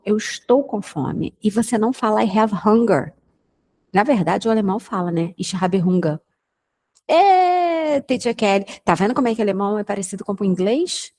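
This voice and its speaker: A woman's voice: medium pitch, dark tone. A young Brazilian woman teaching English in a casual online lesson, patiently explaining and repeating examples. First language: Portuguese.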